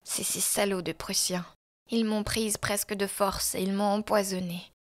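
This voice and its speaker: A woman's voice: medium pitch, little pitch movement, normal speed, natural voice. A woman voicing a sick, tearful young woman who speaks in breathless, emotional pleas, in a storybook reading. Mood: weary.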